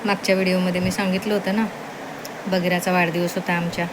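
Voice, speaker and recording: A woman's voice: on the low side, level tone, fast talker, background noise. A middle-aged woman chatting at home on her vlog, telling viewers a family story in a homely, direct way. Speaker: pet vlogger.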